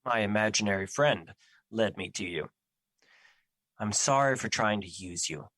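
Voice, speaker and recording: Man playing solemn, formal Fear, low and forceful. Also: expressive, moderate pace, no echo. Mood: sincere, gentle. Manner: formal, stilted, earnest phrasing without contractions. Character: Fear personified, solemn male immortal entity, remorseful and protective. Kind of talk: audio drama acting.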